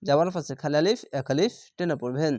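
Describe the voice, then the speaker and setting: A man teaching Quran reading, sounding out each letter and syllable slowly and patiently in a step-by-step lesson. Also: a little high, lively intonation, darkish tone, no echo, clean studio sound. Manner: slow, drawn-out syllable-by-syllable recitation.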